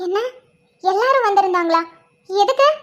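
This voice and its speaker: A woman voicing a distressed, stubborn young heroine in an animated cartoon, pleading and worried. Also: very high voice, moderate pace. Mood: demanding.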